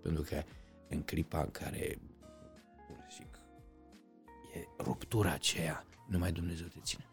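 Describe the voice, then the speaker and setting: A middle-aged man talking as an interview guest, passionate, swinging from loud outbursts to quiet reflection. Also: a bass voice, fairly even intonation, pauses often, soft background music. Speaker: podcast guest. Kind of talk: conversational interview.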